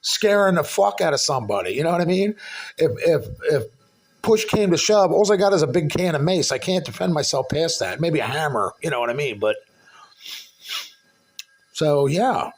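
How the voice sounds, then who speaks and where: A man's voice: fairly high pitch, animated, normal speed, slightly rough. A man ranting in his apartment, telling a rambling, profane story about a neighbor. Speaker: vlogger recounting a dispute with a neighbor. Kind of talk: casual angry rant to camera.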